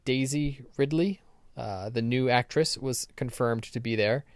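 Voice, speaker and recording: Podcast guy rambling casually, smooth clear voice, dry close mic. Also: mid-range voice, a little slow, no room sound. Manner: rambling, with frequent ums and restarts. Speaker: podcast co-host. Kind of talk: casual chat.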